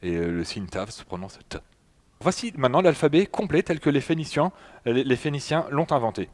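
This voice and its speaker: A man's voice: medium pitch, expressive, a little fast, darkish tone. A man with a French accent giving a public lecture with slides, talking to the audience with many fillers and restarts. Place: public hall in front of an audience.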